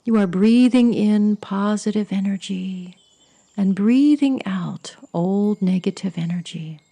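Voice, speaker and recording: A woman guides a meditation at a very unhurried pace. Her voice is soft and mellow, with a husky breathiness that often drifts toward a whisper. The delivery is soothing throughout. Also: medium pitch.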